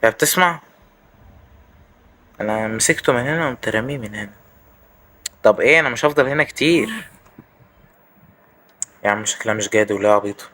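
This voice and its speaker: A man's voice: fairly low pitch, fast, pauses often, bright, forceful tone, a little hiss or hum. A man with an Egyptian accent giving casual, jokey let's-play commentary, chatting straight to his viewers. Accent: Egyptian Arabic. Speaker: gaming YouTuber.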